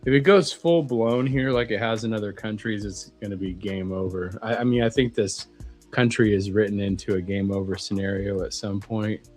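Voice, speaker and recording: A man co-hosting a casual livestream chat, rambling and animated as he tells stories. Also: lowish voice, moderate pace, faint music behind. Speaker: co-host.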